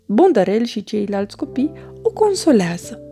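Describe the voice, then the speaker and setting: A woman reads a children's storybook aloud in an expressive, animated way. Her voice is fairly high and swings widely, with a mellow tone and a light vocal fry. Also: faint music behind.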